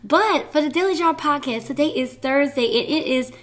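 Her voice is high and her pace moderate as she hosts her own podcast alone. She talks casually and rambles, laughing a lot despite losing her voice.

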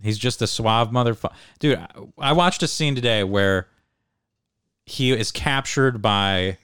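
Chill podcast dude, lowish smooth voice, casual chat, swears a bit, says like a lot. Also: male voice, a little slow, a bit bright, no echo, studio quality. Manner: laid-back, sweary, says dude and like often. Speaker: podcast co-host.

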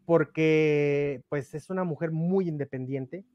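A man's voice: a little high, slow pace, muffled recording, crowd noise. A man, a podcast guest, telling personal stories casually and acting out the dialogue with animation. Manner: animated, acts out quoted dialogue. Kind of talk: casual storytelling.

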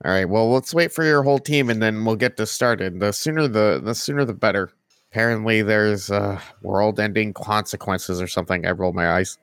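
A man's voice: lowish voice, brisk, fairly bright tone, smooth, no echo. Male tabletop player, wry and informal, casual in-character chat, dry close sound. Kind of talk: casual improvised role-play.

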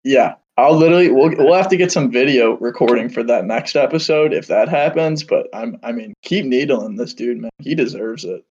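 A man's voice: mid-range voice, normal speed, hardly any pauses, darkish tone, breathy edge. A man co-hosting a podcast, chatting casually in a blunt, teasing, profane way. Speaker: podcast co-host. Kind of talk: casual chat. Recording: dull lo-fi sound.

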